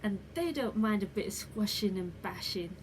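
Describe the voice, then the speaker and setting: A woman reading a children's bedtime story aloud in an unhurried, measured way, like the opening of a fairy tale. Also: medium pitch, expressive. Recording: clearly noisy background ambience.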